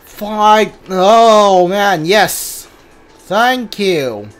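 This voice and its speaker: A video game streamer offers casual commentary on a playthrough, thinking aloud and muttering reactions as he plays. The voice is mid-range, animated and very slow, with game music in the background.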